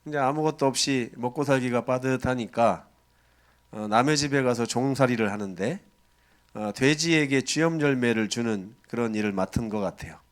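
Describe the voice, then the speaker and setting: A male pastor preaching a sermon, retelling a story and asking the congregation questions. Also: mid-range voice.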